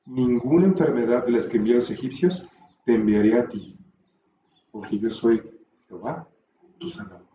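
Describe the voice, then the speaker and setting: A man teaching a Bible class, explaining calmly and tossing in rhetorical questions, recorded from a distance in a roomy space. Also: mid-range voice, moderate pace, pauses often, dull audio, a little hiss or hum.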